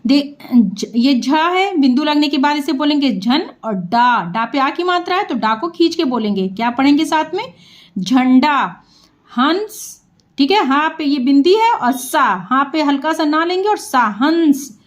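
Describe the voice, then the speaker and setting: Slow, high-voiced woman teaching. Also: lively intonation. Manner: patient, drawn-out syllables for practice. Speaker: Hindi teacher. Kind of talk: slow, clear reading lesson.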